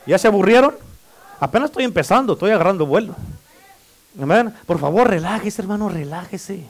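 A man's voice: sits high, lively intonation, a little fast. A man preaching a sermon as pastor, calling for amens and teasing the congregation in a playful way. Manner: preaching with call-and-response amens. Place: church.

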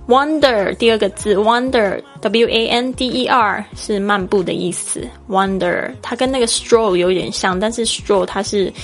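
A woman's voice: medium pitch, normal speed, few pauses, faint music behind. A woman from Taiwan with a Taiwanese Mandarin accent, hosting a podcast English lesson in a chatty, explaining way and spelling words out letter by letter. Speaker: English teacher and podcast host.

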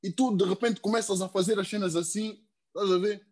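A man's voice: high voice, fairly even intonation, fairly quick. A young man, talking earnestly as a podcast guest, stumbling over repeated words and tags. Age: young adult. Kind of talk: casual chat.

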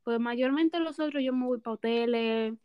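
A young woman co-hosting a podcast, talking quickly and expressively. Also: a little high, clear, resonant tone, no echo, lo-fi sound. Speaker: podcast co-host. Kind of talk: casual chat.

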